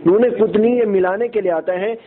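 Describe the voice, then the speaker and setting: High-voiced male tajweed teacher, tinny audio. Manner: explains rules, asks checking questions, recites slowly in a chanted voice. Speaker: Quran recitation teacher. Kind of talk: tajweed lesson, explaining and chanting verses.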